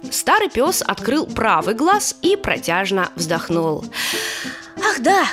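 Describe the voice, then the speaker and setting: A woman's voice: medium pitch, sing-song, measured pace, fairly bright tone, soft background music. A woman narrating a children's story expressively, acting out the characters.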